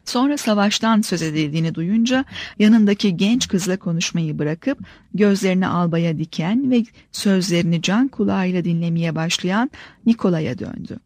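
A woman narrating an audiobook in a steady, measured reading. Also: lowish voice, no room sound, clean studio sound. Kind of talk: scripted narration.

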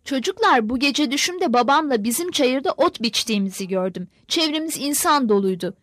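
A woman's voice: high-pitched, expressive, a little fast, dry recording, studio quality. A woman voicing a homesick young male Cossack soldier, talking wistfully of home.

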